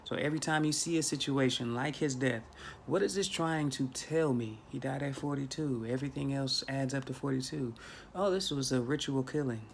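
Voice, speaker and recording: A spiritual vlogger in his thirties talks casually into a phone camera held at arm's length in a small bedroom. His medium-pitched, gravelly voice moves at normal speed, and he preaches emphatically, repeating himself for effect. There's slight background noise.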